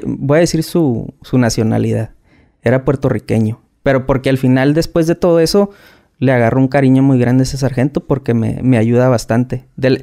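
A man's voice: medium pitch, warm tone. A man with a Mexican accent, telling his story as a podcast guest in casual, slangy talk, often repeating and restarting words. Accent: Mexican Spanish.

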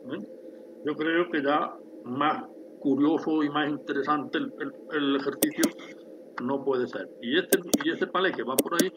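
Man narrating a screen tutorial, slightly high voice. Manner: explanatory, addresses viewers with frequent "¿vale?". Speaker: instructor demonstrating a factory simulation. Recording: dull lo-fi sound with faint hiss.

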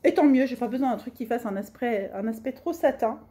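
A middle-aged woman with a slightly high voice talks through a sewing vlog as a casual fabric haul. She is chatty, colloquial and quick to mock herself, filling pauses with little hesitations. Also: dark tone. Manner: chatty, colloquial and self-mocking, with many fillers. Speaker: sewing vlogger.

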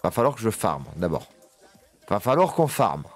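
A man giving casual gameplay commentary, excitable and swearing, chatting to his horse as he plays. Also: lowish voice, normal speed, faint music behind. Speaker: gaming video creator.

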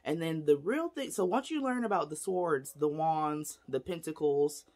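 A woman's voice: deep voice, expressive, moderate pace, a little mellow. A woman casually explaining divination tools to camera in a chatty, rambling way, showing objects as she talks. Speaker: spiritual teacher. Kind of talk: casual teaching vlog.

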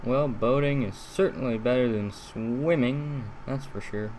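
Slow-talking young man with a lisp. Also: medium pitch, a little mellow, slight background noise, low-quality recording. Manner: halting, rambling, repeats himself. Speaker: gaming video host. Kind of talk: casual gameplay commentary.

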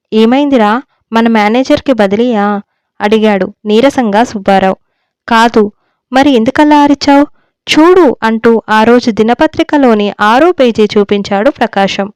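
A woman narrates a short story in a measured, steady reading manner. Her voice is smooth and fairly high, and the recording is close and dry. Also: no echo. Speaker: story narrator, channel host. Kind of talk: audiobook storytelling.

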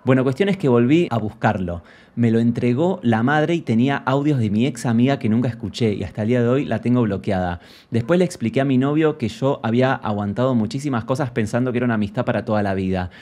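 A man's voice: mid-range voice, lively intonation, fast, darkish tone, lightly acted. A man playing a brash, gossipy Rioplatense gal pal. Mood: mocking. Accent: Rioplatense Spanish. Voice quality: camp and theatrical, mocks the story as he reads. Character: gossipy, brash female friend character. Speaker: comedy creator reading viewer anecdotes in character. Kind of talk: character comedy monologue.

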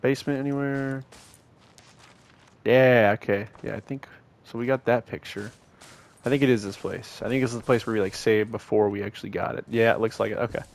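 A young man commentating as he plays a horror game, swearing often, talking to the game's characters and getting excitable when things go wrong. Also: medium pitch, fairly quick, creaky. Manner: profane, excitable, talks to the game. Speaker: gaming channel host.

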